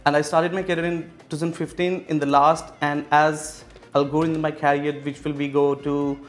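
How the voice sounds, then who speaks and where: A Pakistani man in his thirties, appearing as a real estate executive guest, answers interview questions with lots of fillers and restarts. His voice is slightly high and his delivery flat, at a moderate pace, with faint music in the background.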